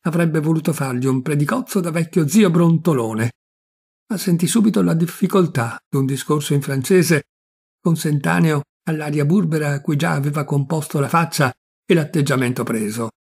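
A man narrating a classic short story in a measured, expressive reading. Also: on the high side, gravelly, slightly rough. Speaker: audiobook reader. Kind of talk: literary narration.

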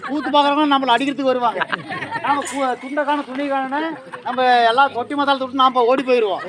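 A cheeky high-voiced village clown. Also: male voice, steady tone, quick pace, over a noisy crowd. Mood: mocking. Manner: rough colloquial banter. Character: village clown, cheeky joking male sidekick. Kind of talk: village street-theatre comedy.

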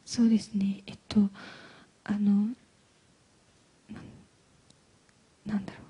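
A young woman from Hyogo, a guest actress speaking softly and hesitantly in a live stage interview. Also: medium pitch, level tone, breathy edge, dull audio. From Hyogo, Japan. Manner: soft-spoken, hesitant, halting. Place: event hall stage.

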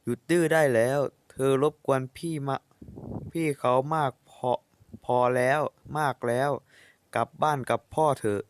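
A man voicing a gentle, doting, middle-aged father who speaks softly and politely in a manga comic voice-over dub. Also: mid-range voice, measured pace, slight background noise, close to an everyday voice. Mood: soothing. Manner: soft, soothing, polite.

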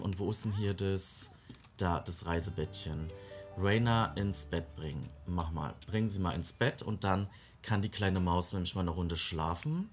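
A man giving casual let's-play commentary, chatting fondly to his game characters in a cooing, baby-talk way. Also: deep voice. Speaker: gaming let's-play creator.

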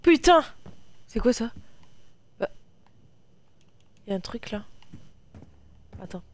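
A woman's voice: mid-range voice, fairly even intonation, slow, warm tone, no echo. A woman streamer giving casual commentary while solving puzzles in a game, swearing often and talking to herself and her viewers.

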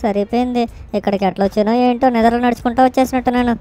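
A woman voices a cheeky little boy who whines through his lines in a high, smooth voice. The tone is soft and mellow, and he rattles his words off quickly. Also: steady tone, soft background music, close to an everyday voice. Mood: sleepy.

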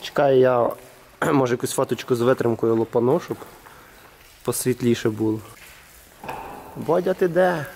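A man talks casually into a handheld camera while he picks his way through a dark, abandoned concrete hall. His voice sits in a middling register, with a faint hiss of noise behind it. He calls out to a friend now and then as he explores. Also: medium pitch, moderate pace, creaky, pauses often. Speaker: urban explorer filming. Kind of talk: casual handheld vlog narration.

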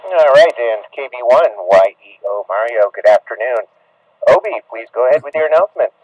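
A man running an amateur radio net as net control, speaking in measured, formal procedure and spelling out call signs, heard over a two-way radio with static. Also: mid-range voice, expressive, darkish tone, slightly rough, no echo. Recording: dull, distant, dry radio sound.

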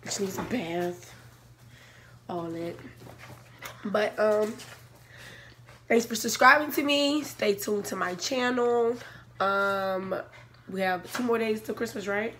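A woman's voice: mid-range voice, slow pace, long pauses. A young woman hosting her vlog in a casual, conversational way. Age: young adult. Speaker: vlogger, channel host. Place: small office-like room, indoors. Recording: faint room noise, casual camera audio.

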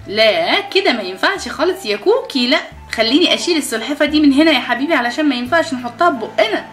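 A woman's voice: sits high, expressive, rapid-fire, a bit bright, soft background music. A young woman with an Egyptian accent speaking as a coaxing mother in a children's toy role-play. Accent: Egyptian Arabic.

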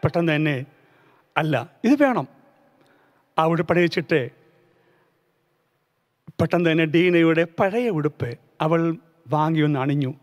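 A male pastor narrating a children's church story dramatically, slowing down at key moments. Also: a little high, steady tone. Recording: reverberant hall.

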